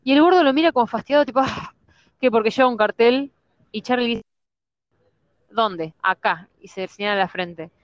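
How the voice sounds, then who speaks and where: A woman's voice: fairly high pitch, fast talker, no room sound. A woman with a Rioplatense accent, chatting casually as a podcast co-host and retelling stories with acted-out quotes and slang. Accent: Rioplatense Spanish. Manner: animated storyteller, acts out quotes, slangy. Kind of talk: casual chat. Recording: dull lo-fi sound.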